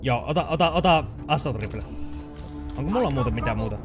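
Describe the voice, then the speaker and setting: Excitable Finnish gamer, lively pitch. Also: male voice, over music. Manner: excitable, chatty, swears and laughs often. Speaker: gaming channel host. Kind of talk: let's play commentary.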